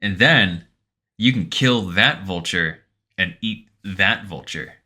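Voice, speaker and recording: A man's voice: low voice, slow, bright, forceful tone. A young man co-hosting a podcast, chatting casually and rambling, swearing now and then. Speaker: podcast co-host. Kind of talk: casual chat.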